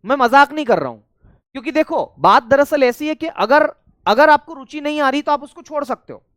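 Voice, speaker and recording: A man teaching an online exam-prep class, repeating key phrases slowly and speaking straight to his students. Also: very high voice, lively intonation, fairly bright tone, no room sound, clean studio sound. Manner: addresses students directly and often, chatty asides.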